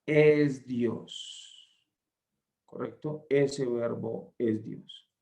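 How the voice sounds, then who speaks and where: Slow, emphatic male Bible tutor. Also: medium pitch, fairly even intonation, gravelly, dark tone. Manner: slow, emphatic, reads verses aloud and checks in with "¿cierto?". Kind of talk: online Bible lesson.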